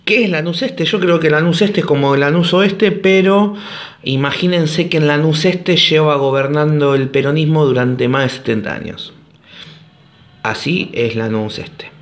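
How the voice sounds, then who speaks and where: Creaky-voiced Argentine man, rambling podcast host. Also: mid-range voice, reverberant. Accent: Argentine Rioplatense Spanish. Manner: rambling, sarcastic joking asides. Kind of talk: casual monologue podcast.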